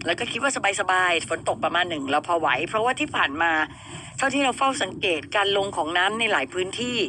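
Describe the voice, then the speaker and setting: A woman's voice: medium pitch, bright, forceful tone, a little hiss or hum. A woman in her thirties hosting a radio show, chatting casually and throwing rhetorical questions at listeners and her co-host.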